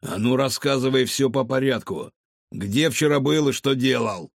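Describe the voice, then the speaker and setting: A man's voice: mid-range voice, moderate pace, vocal fry, no echo, studio quality. A man playing a stern, bossy animal detective. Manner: stern, commanding. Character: bossy male animal detective, a gang leader. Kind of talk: audiobook character voice.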